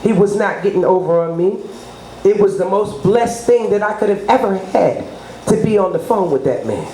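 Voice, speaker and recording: This is a middle-aged woman whose dark, medium-pitched voice moves at a normal speed with lively intonation. As a radio personality giving a promotional interview, she sounds emphatic and boastful and often asks rhetorically whether the listener gets it. Echo fills the room, and background noise is clear.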